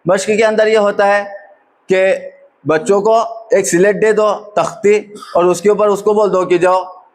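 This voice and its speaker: A high-voiced man drilling a class. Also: flat delivery, unhurried. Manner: patient question-and-answer drilling. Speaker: teacher trainer. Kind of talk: classroom teaching demonstration.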